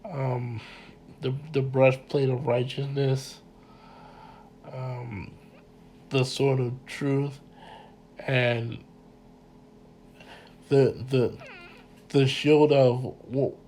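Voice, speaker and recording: A man with a congested voice giving an informal mini lecture, halting and repeating words as he speaks earnestly to his listeners. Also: mid-range voice, flat delivery, warm tone, slight background noise. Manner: earnest, addresses listeners directly. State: congested from a cold.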